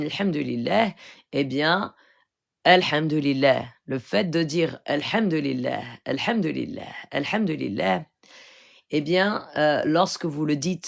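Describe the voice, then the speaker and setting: With a low voice and vocal fry, a woman from Morocco who works as a spiritual healer gives earnest instruction over a phone live stream in a casual way. She repeatedly checks in with listeners, asking "d'accord?".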